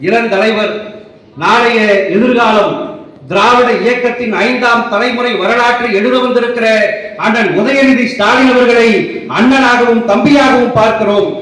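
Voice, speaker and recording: A young man giving thunderous, declamatory political oratory from a rally stage in emphatic, drawn-out phrases. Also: very high voice, steady tone, a bit bright. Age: young adult. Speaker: political party speaker. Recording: echoing public-address sound from far off.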